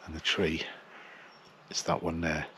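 A middle-aged man with an English accent talks through his setup in a chatty, matter-of-fact way. His voice sits low and stays flat. He is outdoors with the camera at arm's length, faint birdsong and insects behind him. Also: measured pace, a little hiss or hum. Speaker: wildlife photographer. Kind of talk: casual outdoor vlog narration. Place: outdoors in a field by trees.

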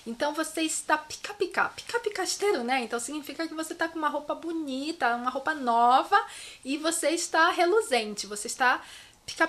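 Bright high-voiced woman teaching playfully. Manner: playful, acts out each sound with expressive repetition. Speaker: Japanese language teacher and vlogger. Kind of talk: casual language lesson. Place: her home in Japan.

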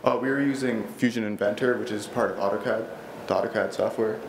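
At a lectern microphone, a teen with a lowish voice pitches his robotics team to the school board at a quick pace and with fairly even intonation. Keen and sincere, he restarts often and leans on fillers; the large library meeting room indoors is echoey with faint background noise.

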